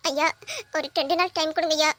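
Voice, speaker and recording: A woman's voice: high-pitched, fairly even intonation, fast talker, a bit bright, dry recording. A woman voicing a poor, desperate grandmother who begs a moneylender for more time in a Tamil audio drama. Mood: pleading. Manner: pleading, begging.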